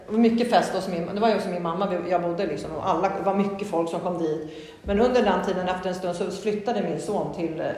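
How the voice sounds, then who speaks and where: A woman giving a candid, earnest personal testimony, rambling with many fillers and restarts. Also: a little mellow. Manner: candid and earnest, with sudden rises in pitch. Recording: very echoey hall with long reverb.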